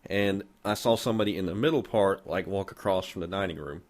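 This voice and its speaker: A man with a fairly low voice tells a story on a casual podcast. He rambles, swears constantly and jokes along the way, in an easygoing, chatty manner. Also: brisk. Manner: rambling, heavy swearing, loose and joking. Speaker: podcast host.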